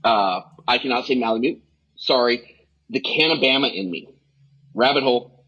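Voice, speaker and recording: This middle-aged podcast guest, who works as a firefighter rehab specialist, rattles off casual conversation in rapid, rambling run-ons. His mid-range voice sounds pushed, bright, and husky, heard through dull lo-fi audio.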